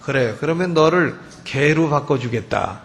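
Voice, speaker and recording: Man doing a calm patient magician, lowered voice, long reverb. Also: a little slow, vocal fry, exaggerated voice. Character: calm patient old-tale male magician.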